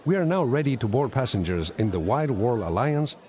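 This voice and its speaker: Guy playing airline gate agent doing an airport announcement, formal and polite, medium pitch. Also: sing-song, fairly quick, darkish tone, natural voice. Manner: polite, formal, scripted delivery.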